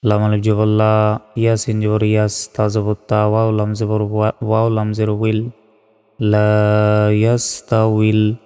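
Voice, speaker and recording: A man teaching Quran reading, methodically spelling out each syllable and then reciting the verses in slow, drawn-out phrases. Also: on the low side, completely flat delivery, warm tone, clear, resonant tone. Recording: long reverb, faint background music.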